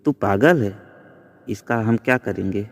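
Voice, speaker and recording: A man's voice: on the low side, a little slow, gravelly. A man voicing a feisty, bold young woman who talks brashly and scolds. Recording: long reverb.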